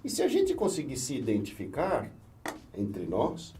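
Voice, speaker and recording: A middle-aged man with a Brazilian Portuguese accent talks as a physician guest, explaining his points in a measured way with examples. His voice is warm and dark. He is picked up from a little way off the microphone. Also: medium pitch, wildly swooping pitch, faint music behind. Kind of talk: explanatory conversation. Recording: voice a bit distant from the mic.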